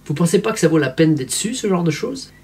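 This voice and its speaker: A man in his fifties talks briskly and expressively, his voice on the high side and a little mellow. As a vlogger commentator, he offers wry, didactic opinions to a camera in a small furnished room at home.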